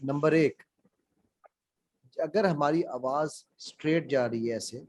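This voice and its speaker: A man's voice: on the high side, slow pace, a little mellow, no echo, poor audio. A man leading an interactive speaking workshop on a call, asking the class questions and mixing in English phrases. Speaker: public speaking trainer. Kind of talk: interactive online workshop lecture.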